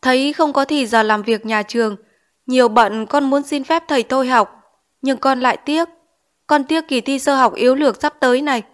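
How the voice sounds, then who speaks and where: A woman's voice: high voice, normal speed, voice pushed up, natural voice. A woman voicing a poor, timid schoolboy in an audiobook, answering meekly and politely. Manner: meek, polite address. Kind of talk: audiobook character reading.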